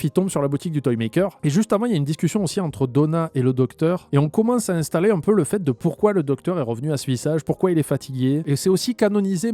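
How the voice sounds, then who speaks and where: A man's voice: fairly high pitch, dark tone. A man giving a casual, rambling spoken review of a TV episode, chatty and full of fillers and restarts. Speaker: TV series reviewer.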